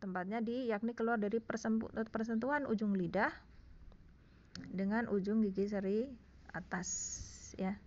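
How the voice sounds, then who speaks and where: A woman's voice: mid-range voice, fairly even intonation, normal speed, pauses often, dark tone, muffled recording. A woman teaching a recorded lesson, explaining casually and checking in often with her listeners. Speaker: Quran recitation teacher. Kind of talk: screen-recorded online lesson.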